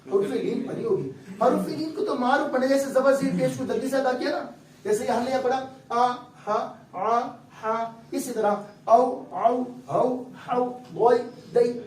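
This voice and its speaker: A man's voice: very high-pitched, darkish tone. A male recitation teacher giving a patient classroom lecture, explaining step by step and checking often that his students follow. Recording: echoey room, distant mic, faint background hum.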